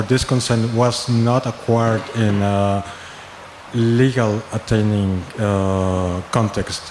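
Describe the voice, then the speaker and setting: During a talk in a conference room, an audience member poses lengthy, meandering questions laced with fillers, speaking German as a non-native. He has a fairly low, darkish voice, heard through echoey hall acoustics and faint noise.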